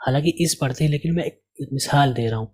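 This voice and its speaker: A man's voice: on the high side, darkish tone, husky. Patient male teacher. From India. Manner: patient, repeats key points, models English pronunciation slowly. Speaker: English teacher. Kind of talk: explaining a language course lesson.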